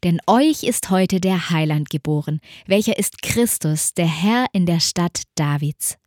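A woman reading a Bible passage in an even, measured way. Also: lowish voice, no echo, clean studio sound. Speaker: scripture reader. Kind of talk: scripture reading.

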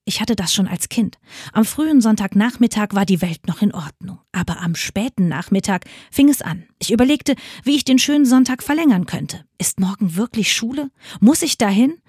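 A woman's voice: mid-range voice, expressive, normal speed, darkish tone, breathy edge, dry recording, clean studio sound. A woman giving a scripted spiritual reflection, speaking in a personal, earnest way. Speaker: devotional speaker.

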